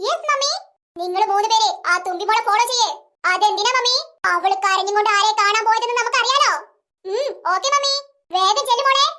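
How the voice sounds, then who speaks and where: A woman's voice: very high voice, fairly quick, bright, forceful tone, voice pushed down. A woman voicing a scheming, bossy mother who gives her daughters orders in a cartoon serial. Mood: commanding. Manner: commanding.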